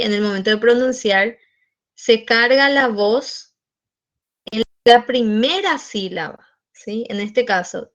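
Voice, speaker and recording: Slow-talking woman teacher, lo-fi sound. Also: fairly high pitch, a bit bright. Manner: slow, explains step by step and checks in with "¿sí?". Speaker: English teacher. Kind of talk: online class lesson.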